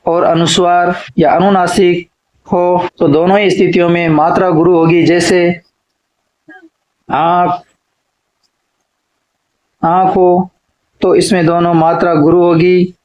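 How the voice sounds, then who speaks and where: A man teaching an exam-prep lecture, stating each rule and then repeating it slowly, as if dictating notes. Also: high-pitched, level tone, a little mellow, highs cut off. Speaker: Hindi literature teacher.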